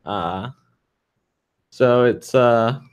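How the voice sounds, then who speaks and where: A man's voice: mid-range voice, drawn-out words, clean tone. A man in his thirties answering viewer questions in a loose, frank, rambling way with lots of fillers. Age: 30s. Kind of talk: casual livestream Q&A.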